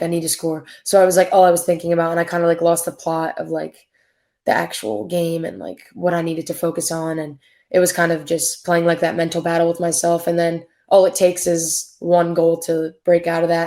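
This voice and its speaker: A woman in her twenties, a pro soccer player, answering interview questions in a relaxed, chatty way full of fillers. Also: lowish voice. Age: 20s. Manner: laid-back, filler-heavy, upbeat. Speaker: professional soccer player, guest. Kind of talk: casual interview chat.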